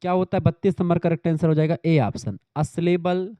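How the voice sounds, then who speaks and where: A man's voice: a little high, fairly even intonation, no echo. Male teacher, dry lo-fi sound. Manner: reads questions slowly, then explains in quick Hindi; repetitive, addresses students directly. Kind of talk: exam-prep lecture.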